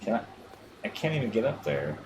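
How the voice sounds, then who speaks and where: A man's voice: on the low side, sing-song, brisk, dull audio. A man streaming a video game live, muttering and swearing casually at it as he plays. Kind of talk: casual gameplay commentary. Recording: noisy livestream audio.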